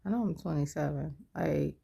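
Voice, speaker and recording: A woman's voice: low voice, normal speed, gravelly, warm tone, husky. A tired woman in her twenties talking candidly in a personal vlog, rambling and losing her train of thought. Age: 20s. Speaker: vlogger.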